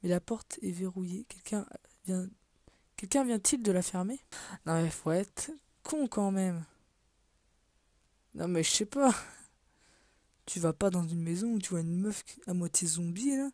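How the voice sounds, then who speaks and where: A woman's voice: lowish voice, lively intonation, measured pace, long pauses, dark tone, no echo, studio quality. A woman giving casual let's play commentary on a puzzle game, muttering to herself, swearing casually and often dropping to a half-whisper. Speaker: gaming video creator.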